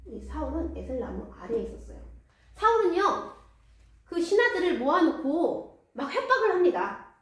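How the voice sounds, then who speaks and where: A woman preacher telling a Bible story in a lively way, asking the audience questions, in a church. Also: high voice, moderate pace. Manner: animated, asks the audience questions. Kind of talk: storytelling sermon. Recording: echoey church hall, mic far off.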